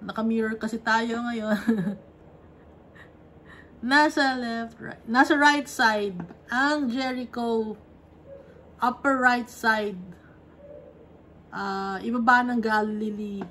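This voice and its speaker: Higher-voiced woman teaching a Bible lesson. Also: steady tone, slow, long pauses, a bit bright, a little hiss or hum. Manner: explains verse by verse, often checking in with tag questions. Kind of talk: conversational Bible study lesson.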